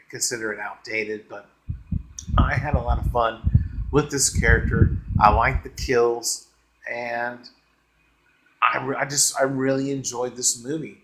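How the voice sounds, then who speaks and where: A man hosting a movie review channel, giving a casual unscripted review in a rambling, halting way with many fillers and easygoing enthusiasm. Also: medium pitch, poor audio.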